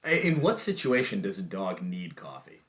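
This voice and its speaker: Joking low-voiced man, lively pitch. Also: moderate pace. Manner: joking, laughs easily. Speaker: podcast co-host. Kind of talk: casual chat.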